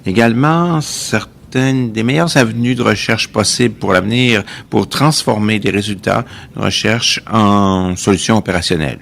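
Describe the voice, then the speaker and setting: Male live interpreter, creaky low voice, technical conference delivery with stop-and-start phrasing. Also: normal speed, few pauses, fairly bright tone, a little hiss or hum.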